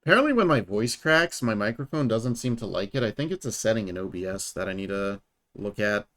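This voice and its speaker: A man's voice: lowish voice, expressive, fairly bright tone. A man streamer thinking aloud at home as he edits his video, talking half to himself. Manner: muttering, half to himself, unhurried. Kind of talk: thinking aloud while editing.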